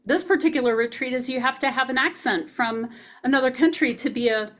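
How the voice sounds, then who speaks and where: A woman with a bright, high-pitched voice interviews a guest over a video call. She sounds enthusiastic and upbeat, like a host promoting an event she cares about. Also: a little fast. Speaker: interviewer and retreat organizer. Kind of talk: casual interview chat.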